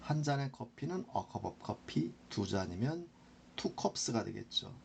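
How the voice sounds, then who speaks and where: Male English teacher, lively pitch, slow drilling delivery. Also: gravelly, slight background noise. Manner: repeats phrases slowly for drilling. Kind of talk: slow explanatory lesson.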